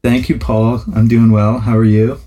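Man, podcast guest, low pitch, warm mellow voice, relaxed thoughtful talk. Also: moderate pace. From United States. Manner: thoughtful, easygoing with fillers. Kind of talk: casual interview.

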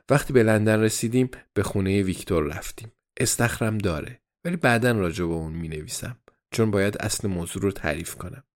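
Low-voiced man reading a diary aloud. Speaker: audiobook narrator. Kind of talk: first-person diary narration of a novel.

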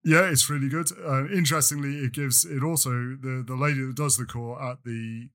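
A man's voice: medium pitch, steady tone, brisk, fairly bright tone. A British man co-hosting a podcast in casual chat, rambling with many fillers and restarts. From Britain. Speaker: podcast co-host. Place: lives in France.

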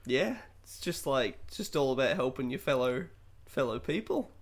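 Podcast co-host, man, mid pitch, loose rambling delivery with frequent laughs. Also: animated, normal speed. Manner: rambling, laughs often, trails off. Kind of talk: casual chat about games and films.

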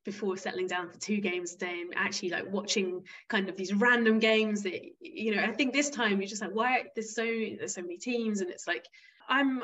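Speaking candidly in an interview, this woman, chief executive of a football club and from England's Isle of Wight, keeps restarting sentences. Her medium-pitched voice is a bit bright, though the audio sounds dull.

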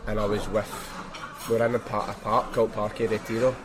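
A man's voice: fairly low pitch, flat delivery, quick pace. A man with a strong Glaswegian Scottish accent hosting a podcast, telling stories in a casual, colloquial way with opinions of his own. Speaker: podcast host. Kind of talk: casual anecdotal chat.

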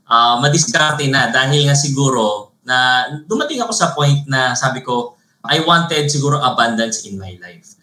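A man with a Filipino accent, a podcast guest who tells lively stories and keeps tagging his phrases with a questioning "no?". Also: mid-range voice, a little slow. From Philippines. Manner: animated storyteller, mixes Tagalog and English, tags phrases with "no?". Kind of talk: casual interview storytelling. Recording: roomy echo.

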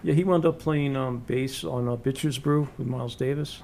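A man's voice: mid-range voice, fairly even intonation, moderate pace, gravelly, darkish tone, a little hiss or hum. A man in his sixties hosting a casual interview, chatty and rambling with many fillers. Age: 60s. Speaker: interview host.

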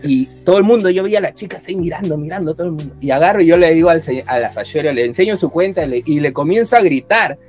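A man telling an animated, swear-filled story in casual chat and acting out the voices as he goes. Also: a little high, quick pace, hardly any pauses, faint music behind. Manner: animated, profane anecdote-telling, acts out voices.

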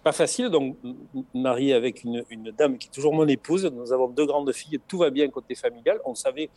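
A man's voice: mid-range voice, fairly quick, dark tone, no room sound. Expansive man with a southern French accent. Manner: expansive, lots of restarts and repeated words. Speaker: guest, former race logistics organizer. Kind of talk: casual interview chat.

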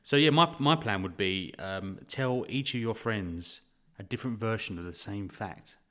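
Low-voiced male co-host, rambling storyteller, casual podcast chat. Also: normal speed, a bit bright. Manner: rambling retelling with fillers.

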